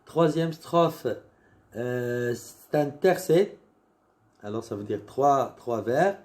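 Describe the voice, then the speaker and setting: A man's voice: mid-range voice, lively intonation, takes it slowly, a little mellow. A man with a Moroccan French accent, teaching a primary school lesson. He explains step by step, often repeating words and restarting his sentences. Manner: patient, explains step by step with examples.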